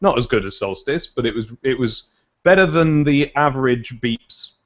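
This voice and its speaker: A man's voice: medium pitch, normal speed, lo-fi sound. A man in a casual podcast chat, talking reflectively. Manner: reflective, lively intonation.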